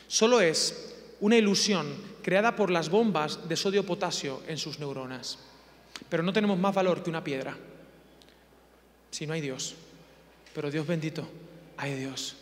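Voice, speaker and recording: A man preaches with humor, firing off rhetorical questions. His voice sits high for a man. A long reverb of a church hall trails behind him. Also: fairly bright tone. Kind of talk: sermon.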